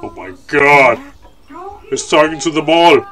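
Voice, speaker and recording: A man's voice: on the high side, measured pace, fairly bright tone. A man with a Danish accent giving playful let's play commentary and retelling the characters' lines in English. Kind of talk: casual gameplay commentary.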